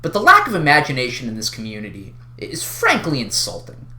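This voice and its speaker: An online creator delivers an unhinged, unscripted rant in a sharp, forceful voice. The pitch swings widely with sarcastic, exasperated emphasis, and the casual, sweary delivery rings around an echoey room. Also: wildly swooping pitch, fairly quick. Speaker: online video creator addressing a community.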